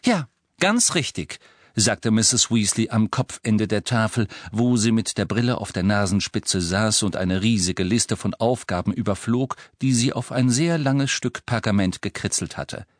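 A man narrating an audiobook in a measured, even way. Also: fairly low pitch, no echo, clean studio sound. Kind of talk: scripted narration.

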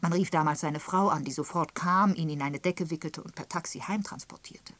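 A woman reading the part of a gentle, tactful elderly spinster in an audiobook, in a mild and measured manner. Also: low voice, no echo. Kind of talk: audiobook character voice.

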